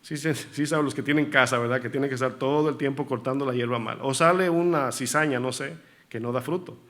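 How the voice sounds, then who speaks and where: A man's voice: medium pitch, quick pace, fairly bright tone. A male pastor preaching a sermon in church, often asking the congregation questions and repeating key words for emphasis.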